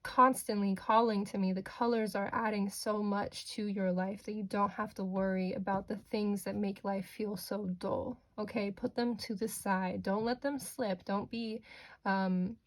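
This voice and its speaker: A woman with a mid-pitched voice gives an informal fortune teller reading of tarot and oracle cards. She talks directly to the listener in a reassuring, mystical way, often checking in as she goes. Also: steady tone, measured pace. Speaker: tarot card reader, host.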